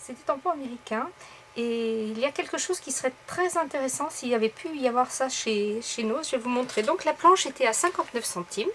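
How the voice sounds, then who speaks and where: A woman's voice: high voice, lively intonation, fairly quick, fairly bright tone, a little hiss or hum. A woman chatting casually to viewers as she shows off craft supplies she bought, with lots of fillers and asides. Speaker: craft vlogger. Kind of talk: casual haul video.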